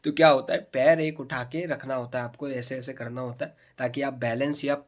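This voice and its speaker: A man in his thirties telling a school story to camera, chatty and animated, talking straight to his viewers. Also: mid-range voice, fairly quick. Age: 30s. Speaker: storytelling vlogger.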